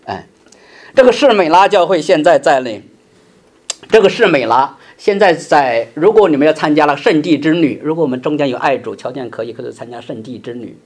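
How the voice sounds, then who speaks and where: Male pastor, middle-aged, fairly high voice, animated sermon delivery, loud then hushed. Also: a little fast. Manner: animated preaching, swings from loud emphasis to soft near-whisper.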